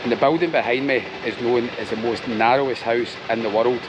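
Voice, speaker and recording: A man vlogging outdoors while riding his bike, talking in a chatty, self-deprecating way and sounding slightly out of breath. His voice sits at a middling pitch, and clear wind noise rushes across the mic behind him. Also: steady tone. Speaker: cycling vlogger. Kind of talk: casual travel vlog narration. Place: outdoors, on a ferry and cycling roads.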